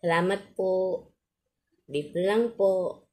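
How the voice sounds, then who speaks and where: A Filipino woman with a low-pitched voice chats casually to her viewers. Her speech is slow and halting, shaped by missing front teeth. She is polite and often repeats her words. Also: darkish tone. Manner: polite, halting, with frequent repetition. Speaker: vlogger.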